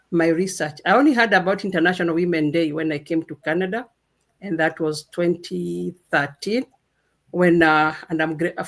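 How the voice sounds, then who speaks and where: A woman from Kenya speaking on a radio panel, telling her story slowly with many hesitations. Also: fairly low pitch. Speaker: guest speaker. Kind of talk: casual panel talk.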